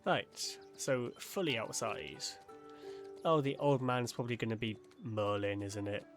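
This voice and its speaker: Man streamer, mid pitch, relaxed let's-play chatter with wry asides, faint music underneath. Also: a little slow. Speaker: game streamer. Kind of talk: casual let's-play commentary.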